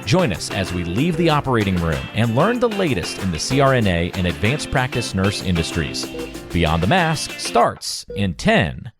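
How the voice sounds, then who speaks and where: A man's voice: fairly low pitch, big pitch swings, normal speed. A man reading a scripted podcast introduction as the show's announcer. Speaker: show announcer. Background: guitar music.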